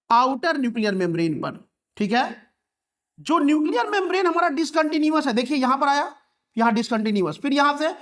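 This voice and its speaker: A man's voice: very high voice, fairly bright tone. A man teaching a biology class. He repeats each key term and asks the students to say it back to him. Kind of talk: classroom lecture at a board.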